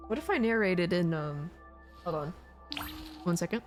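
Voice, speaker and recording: Expressive woman reading game text over music. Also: lowish voice, normal speed. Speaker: game streamer. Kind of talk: reading game text aloud with casual commentary.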